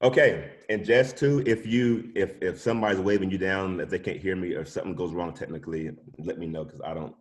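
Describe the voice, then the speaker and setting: A man casually teaching a live online music software workshop over a video call, chatty and informal. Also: low voice. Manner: casual, chatty, says y'all and yada yada. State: sucking a cough drop. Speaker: music production instructor.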